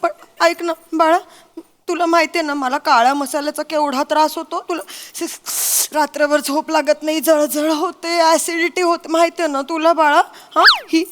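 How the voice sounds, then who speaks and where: A woman's voice: high-pitched, fairly even intonation, normal speed, lightly acted. A woman playing a scheming middle-aged mother-in-law who dotes on her son, talking in a whiny, sly way with a Marathi accent. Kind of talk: sketch comedy acting.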